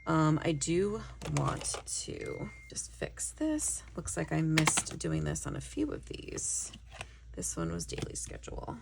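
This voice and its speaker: Woman, hoarse, low gravelly voice, casual planning vlog, chatty. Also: huge pitch swings, takes it slowly, heavy background noise. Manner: chatty, talks to viewers. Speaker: vlogger.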